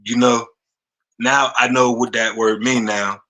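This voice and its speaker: Podcast host, man, 30s; slow, halting casual talker who repeats himself; bright, forceful tone. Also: mid-range voice, flat delivery, rough recording. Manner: halting, repeats words, frequent "you know what I'm saying". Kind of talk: casual interview chat.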